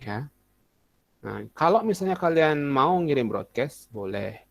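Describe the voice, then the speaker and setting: Gravelly-voiced male teacher, chatty lesson. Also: a little high, sing-song, a little slow, no room sound. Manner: chatty, uses many examples and acts out student messages. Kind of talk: casual classroom lesson.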